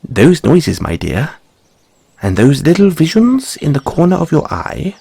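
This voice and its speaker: Guy doing a fussy curious rabbit boy for fantasy roleplay, super swoopy pitch, husky, polite and stammery. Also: wildly swooping pitch, measured pace, warm tone, heavily acted. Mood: mysterious, intrigued. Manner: flustered stammering, ornate courteous phrasing. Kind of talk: audio roleplay addressed to the listener.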